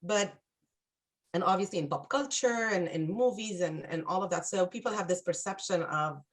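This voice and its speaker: A woman's voice: lowish voice, normal speed. A middle-aged woman from Egypt, answering interview questions in a thoughtful, hesitant way, with many fillers and restarts. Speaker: guest. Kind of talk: conversational interview.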